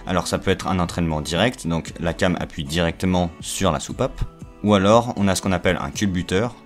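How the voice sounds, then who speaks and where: A man's voice: low voice, a little fast, soft background music. A young man chatting through an engine explanation, full of fillers, restarts and joking asides. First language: French. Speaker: video creator explaining engines. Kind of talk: casual technical explanation.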